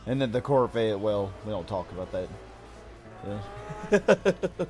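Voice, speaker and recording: A man's voice: fairly low pitch, brisk. A man hosting a gaming stream, chatting casually and calling out race positions as he plays. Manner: relaxed, reads out race positions. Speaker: streamer host. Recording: game music behind.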